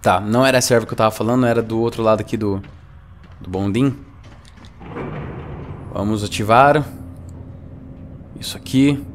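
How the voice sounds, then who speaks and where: A man doing live gameplay commentary, excitable, swearing and yelling at the enemy. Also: on the low side, normal speed, long pauses, a little hiss or hum. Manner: excitable, swears and yells at the boss. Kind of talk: live let's-play commentary.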